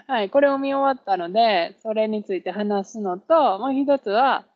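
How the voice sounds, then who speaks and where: Female podcast co-host, Kansai accent, fairly high voice, casual chat, dry but slightly dull recording. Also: lively intonation, a little slow, no echo. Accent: Kansai Japanese. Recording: dull, lo-fi audio.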